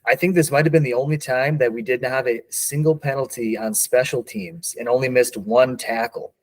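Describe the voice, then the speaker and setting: A man co-hosting a casual sports podcast, running through stats in a relaxed, conversational way. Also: mid-range voice, moderate pace. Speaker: podcast co-host.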